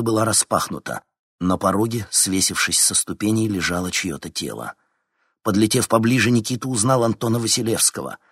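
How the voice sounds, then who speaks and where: A man narrating a fantasy audiobook in a steady, dramatic reading. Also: sits low, breathy edge, dry recording, studio quality. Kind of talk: scripted narration.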